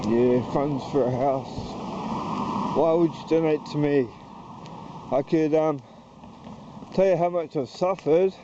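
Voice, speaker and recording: A YouTuber with a New Zealand accent and a fairly high voice rambles hesitantly to the camera while walking around town outdoors. His slow, halting, wandering walk-and-talk vlog has lo-fi sound and a noisy background.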